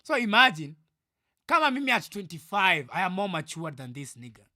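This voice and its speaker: A man's voice: high-pitched, big pitch swings, fairly quick, no room sound, studio quality. A young Kenyan man in his twenties ranting heatedly on a livestream, repeating himself and dropping into mutters. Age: 20s. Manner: loud, heated and repetitive, often dropping to mutters. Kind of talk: livestream reaction rant.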